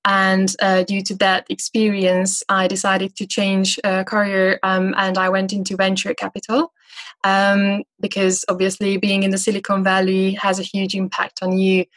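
Woman in her thirties, interview guest, halting delivery with frequent fillers. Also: medium pitch, completely flat delivery, fairly bright tone. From Hungary. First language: Hungarian. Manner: hesitant, frequent filler sounds. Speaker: guest investment manager. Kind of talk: conversational interview answers.

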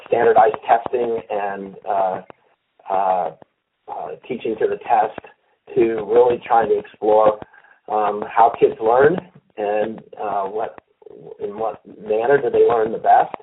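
A man giving a phone interview as a company executive, speaking haltingly with many fillers and restarts. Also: on the low side, a little hiss or hum. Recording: tinny phone line.

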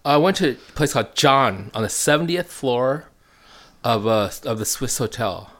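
A man chatting casually as an interview guest, telling stories haltingly with repeated words and restarts. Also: mid-range voice, a bit bright. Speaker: food enthusiast interview guest. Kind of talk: casual storytelling chat. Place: home basement.

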